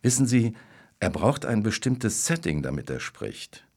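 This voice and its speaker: A man voicing a knowing, smooth-talking male pet shop clerk in a read-aloud story. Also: fairly low pitch, big pitch swings, a little slow, darkish tone, voice pushed up, full character voice.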